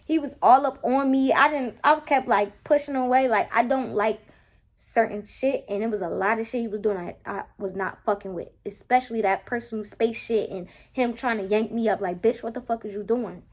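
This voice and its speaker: A woman in her twenties telling a date story in a casual vlog, animated and exasperated, full of profanity and acted-out dialogue. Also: on the high side, normal speed. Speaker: vlogger.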